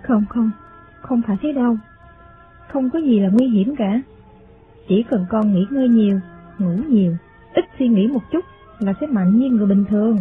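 A man's voice: sits high, normal speed, pauses often, pitched above the performer's own voice, natural voice. A man reading an audiobook voices a worried middle-aged mother who coaxes and reassures in an anxious way. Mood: anxious coaxing. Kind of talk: audiobook character voice. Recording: phone-like sound, faint music.

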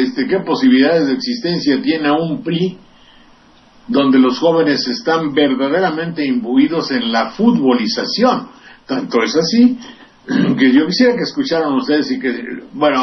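An older man from Veracruz with a Mexican accent, giving rambling, sardonic and profane political commentary as a radio host. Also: mid-range voice. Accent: Mexican Spanish. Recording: distant, dull lo-fi radio recording with faint hiss.

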